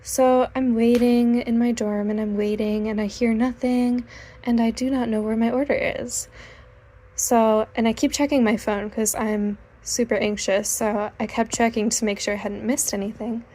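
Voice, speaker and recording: A woman's voice: on the high side, little pitch movement, normal speed, dark tone. A young woman telling a rambling personal story in a casual vlog, often correcting herself as she talks. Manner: rambling, self-correcting, chatty. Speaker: artist vlogger. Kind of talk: casual storytime while drawing.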